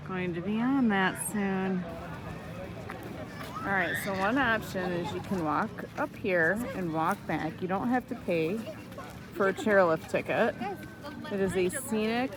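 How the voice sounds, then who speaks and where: A woman films a casual travel vlog out in the open. She talks in a chatty, exclaiming way, narrating the outing as it goes, at a middling pitch. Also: noisy background. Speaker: travel vlogger. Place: outdoors at a mountain resort.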